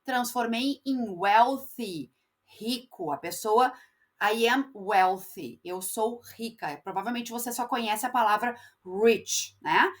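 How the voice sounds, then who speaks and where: A woman's voice: on the high side, slow pace. A woman English teacher explaining step by step, stretching out example words and often checking in with her students. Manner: frequent checking tags like "tá?" and "né?". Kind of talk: classroom explanation.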